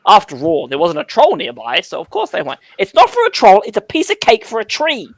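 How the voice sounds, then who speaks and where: A man voicing a rowdy, mouthy little pixie in a high, brash voice, recorded on a dry call mic. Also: huge pitch swings, quick pace, gravelly, no echo, exaggerated voice. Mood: defensive.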